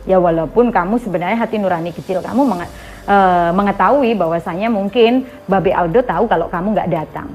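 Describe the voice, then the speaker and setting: A woman's voice: medium pitch, fairly quick, a little mellow, soft background music. A woman hosting an online commentary, accusing someone and addressing her viewers directly. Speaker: commentary channel host.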